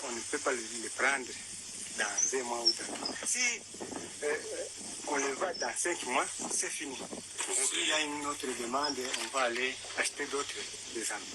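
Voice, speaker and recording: Male cattle herder, field interview, halting speech, loud outdoor noise. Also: mid-range voice. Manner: hesitant, repeating words.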